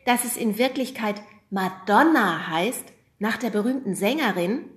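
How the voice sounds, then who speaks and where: A woman's voice: medium pitch, lively intonation, a little slow, pitched above the performer's own voice, lightly acted. A woman voicing a confident little schoolgirl who tells her story herself, in a storybook reading. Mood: matter-of-fact. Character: self-assured little schoolgirl.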